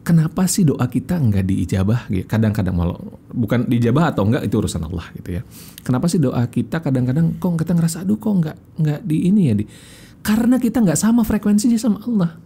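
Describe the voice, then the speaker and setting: A man as a podcast guest, a communication coach who explains in an animated way and acts out little examples. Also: medium pitch, fast, breathy edge. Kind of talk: casual interview chat.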